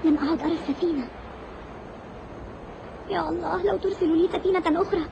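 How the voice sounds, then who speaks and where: A pious young cartoon boy with a very high, childlike voice, praying aloud and pleading, as a woman acts him out. Steady noise sits under the voice throughout. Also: fast, vocal fry, dull audio. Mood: anxious. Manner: prays aloud, pleading and earnest. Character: young shipwrecked boy, devout and frightened. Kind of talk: animated film dubbing. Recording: noisy soundtrack background.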